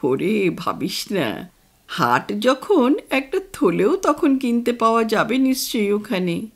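A woman's voice: a little high, big pitch swings, slow pace, breathy edge, exaggerated voice. A woman voicing a teasing retired father. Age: over 60. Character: retired old father, teasing, food-loving, stubborn.

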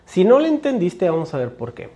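Un hombre con acento mexicano que enseña inglés y explica fonética con ejemplos repetidos, dirigiéndose a su clase como «señores». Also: male voice, sits high, huge pitch swings, brisk, mellow. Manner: explanatory, repeats examples, addresses class as señores. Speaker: English teacher. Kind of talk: phonetics lesson.

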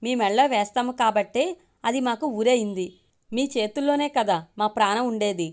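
A woman's voice: fairly high pitch, normal speed, darkish tone, lightly acted. A woman voicing a joking, easygoing young husband in a storybook reading, who grows exasperated with his wife. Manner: joking, then pleading and exasperated.

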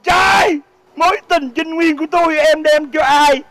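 A man's voice: extremely high pitch, moderate pace, a bit bright, shouting, slight background noise, low-quality recording. A man with a Southern Vietnamese accent playing a heartbroken, jilted man in a comedy sketch, wailing and sobbing melodramatically.

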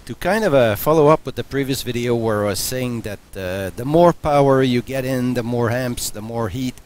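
A man's voice: mid-range voice, moderate pace, a little hiss or hum. Hesitant man explaining in his workshop. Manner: hesitant, many fillers and restarts; matter-of-fact, thinking aloud. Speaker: welding channel host. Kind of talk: casual workshop demonstration. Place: home garage workshop.

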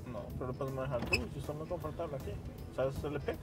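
A man's voice: a little high, expressive, fast talker, loud music behind the voice. A man working as a repo agent, speaking in a dry, matter-of-fact way and mixing in English phrases. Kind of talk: scripted reality banter and interview.

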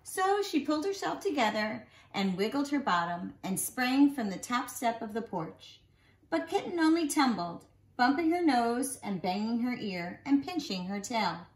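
Reading a picture book aloud at home, this woman in her forties, a nursery school teacher, uses a slightly high voice and lively storytelling for little listeners. She draws out important words, and the sound is roomy, taken indoors in a small living room.

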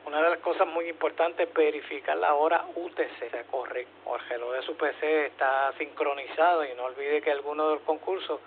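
A man's voice: a little high, steady tone, fairly quick, few pauses. A man with a Puerto Rican accent running an amateur radio net, explaining informally in short phrases with frequent questioning tags, over two-way radio. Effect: two-way radio transmission. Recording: phone-like narrowband radio, hum, faint noise.

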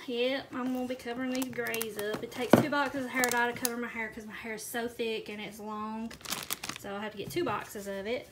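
A middle-aged woman, chatting casually to her viewers while she shows off a grocery haul at home and laughs often. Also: fairly high pitch. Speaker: vlogger showing a grocery haul. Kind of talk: casual chat. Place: indoors at home, camera pointed at groceries. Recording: loud background noise.

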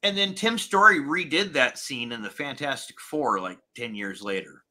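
A man co-hosting a casual film review chat, animated and profane, laughing often. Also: mid-range voice, normal speed. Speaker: podcast co-host.

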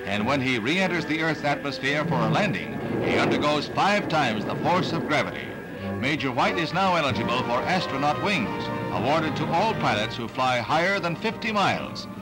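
A man's voice: a little high, animated, normal speed, over loud music, low-quality recording. A man with an American accent narrating in a dramatic, punchy 1950s newsreel announcer style on a vintage soundtrack.

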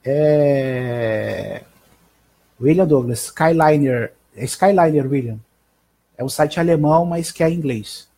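A Brazilian man in his thirties hosts a live-streamed news roundup from a small bedroom at home, speaking into a headset mic. His voice is slightly high and husky yet soft and mellow, and his delivery is informal and halting, with frequent short check-in tags.

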